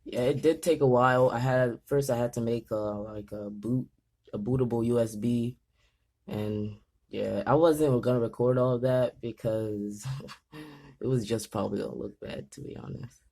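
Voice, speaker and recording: A man's voice: mid-range voice, fairly even intonation, moderate pace, creaky, a little mellow. Nervous rambling young man. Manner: nervous, rambling, stumbles over words. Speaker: gaming channel host. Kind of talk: casual vlog commentary.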